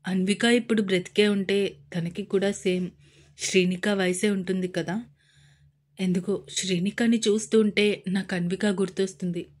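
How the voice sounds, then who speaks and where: A woman's voice: medium pitch, fairly even intonation, normal speed, a little mellow, close to an everyday voice. A woman voicing a young man who is an affectionate, teasing husband in a romance story. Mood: sad.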